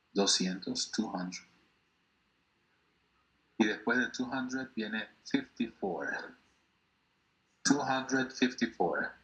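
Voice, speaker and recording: Slow, patient male English teacher. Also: on the low side, sharp tone, rough recording. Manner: slow, patient, repeats words for drilling. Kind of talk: classroom language lesson.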